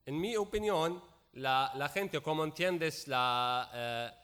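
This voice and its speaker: A man from Syria, a native Arabic speaker with a Syrian accent, giving public testimony as a guest speaker in halting, broken speech with repeated words and searching pauses. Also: on the high side, fairly bright tone, clear, resonant tone. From Raqqa region, Syria. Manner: halting, broken Spanish with frequent repetitions and word searching.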